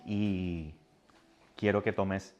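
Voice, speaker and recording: A man preaching a sermon with a personal testimony, animated and moving between soft and loud. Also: deep voice, very slow, muffled recording.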